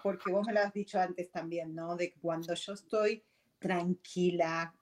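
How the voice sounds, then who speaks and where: A woman's voice: fairly low pitch, fairly even intonation, a little slow, darkish tone. A woman with a Rioplatense accent, hosting and reflecting aloud with many hesitant fillers. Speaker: host. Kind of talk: conversational interview.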